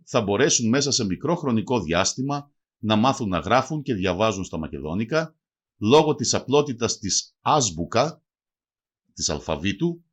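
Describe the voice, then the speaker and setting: A man reading a scripted language lesson, spelling out example words slowly and deliberately. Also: fairly low pitch. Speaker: language teacher.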